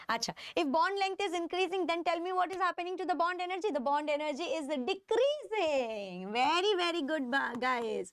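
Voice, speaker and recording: A woman's voice: high-pitched, dry recording, studio quality. A woman with an Indian accent teaching a live lesson as a teacher, repeating phrases and questions emphatically to check that students follow. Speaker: chemistry teacher. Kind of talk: live online lecture to students.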